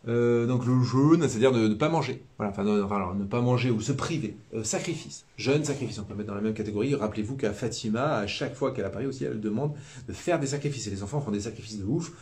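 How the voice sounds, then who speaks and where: Speaking fast in a slightly mellow, medium-pitched voice, a man with a Southern French accent, a religious brother, gives a live, informal spiritual talk. He rambles, hesitates, and fills his speech with fillers and repetitions.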